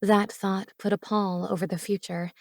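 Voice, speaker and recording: Lady reading a romance audiobook, mid pitch, steady and even, dry recording. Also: moderate pace, no echo. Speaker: audiobook narrator. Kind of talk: first-person romance audiobook narration.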